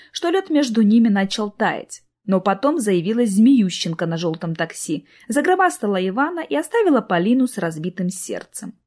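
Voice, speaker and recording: A woman narrating a novel in an even storytelling manner. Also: mid-range voice. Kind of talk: audiobook narration.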